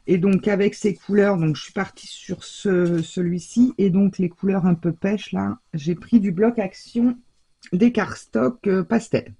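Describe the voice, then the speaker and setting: A woman hosting a casual crafting tutorial, chatting warmly to her viewers with many fillers and self-corrections. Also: mid-range voice, unhurried, husky. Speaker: crafting channel host.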